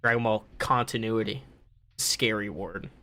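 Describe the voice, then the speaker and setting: A man's voice: lowish voice, a little slow, sharp tone. A young man hosting a gaming podcast, ranting in casual chat and swearing freely. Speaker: podcast host.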